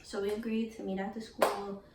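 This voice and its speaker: A woman's voice: mid-range voice, level tone, moderate pace. A young adult woman telling a casual storytime monologue in a chatty, candid, slangy way. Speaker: beauty vlogger. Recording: echoey room, voice from a distance, faint hiss.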